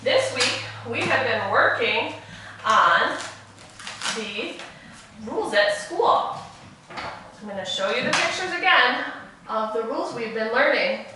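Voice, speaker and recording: A woman's voice: a little high, pushed and bright, slight background noise. A woman teaching young children in a kindergarten teacher voice, speaking in simple, encouraging phrases for a virtual lesson. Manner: encouraging, with frequent praise and prompts. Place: echoey indoor room, away from mic. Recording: very echoey room, distant mic.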